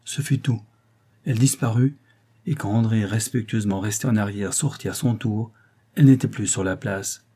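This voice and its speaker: A man reading a classic novel aloud as an audiobook, in a measured, calm way. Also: on the low side, slightly rough. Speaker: audiobook reader. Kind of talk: literary audiobook narration.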